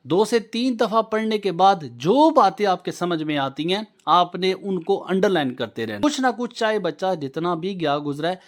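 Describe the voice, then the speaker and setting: A man's voice: sits high, fairly bright tone. A man teaching an exam-prep lesson, earnest and reassuring, repeating each point step by step. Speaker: English teacher.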